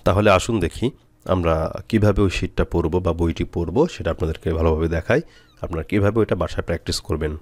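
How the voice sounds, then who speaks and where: Deep-voiced man spelling Arabic letters. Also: darkish tone, dry recording. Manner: slow, drawn-out syllables when spelling; repetitive, patient instruction. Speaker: Quran recitation teacher.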